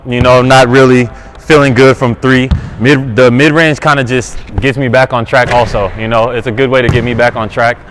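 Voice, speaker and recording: A man in his thirties from California, a basketball player talking casually as an interview guest, relaxed and full of fillers. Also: mid-range voice, normal speed, few pauses, slight background noise. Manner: relaxed, easygoing, many fillers and restarts. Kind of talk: casual interview while shooting around. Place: indoor basketball court.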